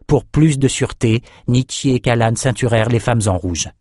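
A man narrating an audiobook in a measured, dramatic way, his voice in a middle range. The recording is dry and close, with no room sound. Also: mid-range voice, darkish tone, no echo. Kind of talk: scripted narration.

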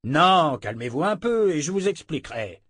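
A man's voice: fairly high pitch, big pitch swings, moderate pace, fairly bright tone, husky, dry recording, studio quality, pitched above the performer's own voice, exaggerated voice. A man voicing a morose giant coachman who grumbles in an exasperated way. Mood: grumbling. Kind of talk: audiobook character voice.

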